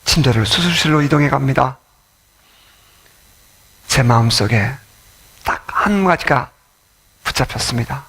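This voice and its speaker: A man's voice: mid-range voice, unhurried, creaky, long pauses, fairly bright tone, husky. A male pastor preaching an emotional, storytelling sermon in a church.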